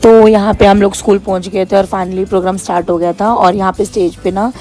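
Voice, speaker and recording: A woman's voice: medium pitch, steady tone, brisk, mellow, soft background music. A woman vlogger narrating over her footage in a chatty, recounting way.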